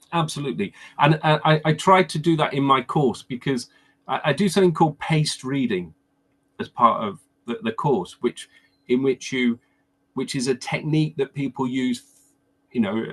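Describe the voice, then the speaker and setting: A man with a slightly husky voice explains pronunciation in a relaxed workshop style. He circles back, repeats words and restarts sentences as he works his ideas out. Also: medium pitch, moderate pace. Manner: hesitant, repeats words while thinking. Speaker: pronunciation coach.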